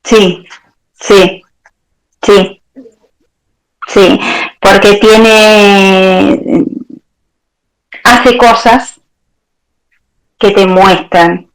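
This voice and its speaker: Brief: woman therapist, mid pitch, thoughtful and unhurried as a guest. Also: steady tone, low-quality recording. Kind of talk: interview answers.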